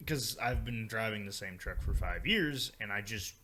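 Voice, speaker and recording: A man's voice: lively intonation, moderate pace, sharp tone, slight background noise. A man hosting a laid-back chat, laughing often. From Texas. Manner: laid-back, laughs a lot, acts out quotes in a high voice. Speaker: podcast host. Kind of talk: casual chat.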